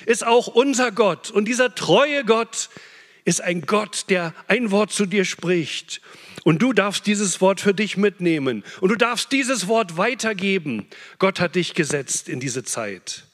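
A man preaching a sermon, impassioned, swinging between loud urgent peaks and hushed low phrases. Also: expressive, slow. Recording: long hall reverb.

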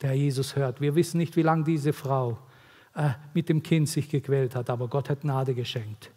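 A man's voice: mid-range voice, steady tone, moderate pace, warm tone. A man preaching an earnest, pleading sermon to mothers in a church, his delivery swelling and dropping. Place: church hall. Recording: long hall reverb.

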